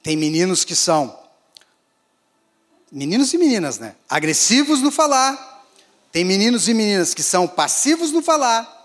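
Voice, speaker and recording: A high-pitched man preaches to a gathering, his voice ringing with a long hall echo. He swings dramatically between raised, emphatic lines and hushed, drawn-back ones. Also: big pitch swings, normal speed, long pauses. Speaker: pastor. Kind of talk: sermon.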